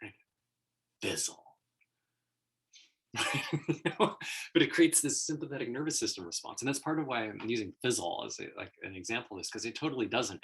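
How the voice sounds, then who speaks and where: A man's voice: fairly low pitch, a bit bright, husky, low-quality recording. A man talking casually as host, explaining an idea at length, laughing often and acting out quoted voices. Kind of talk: casual explanatory livestream talk.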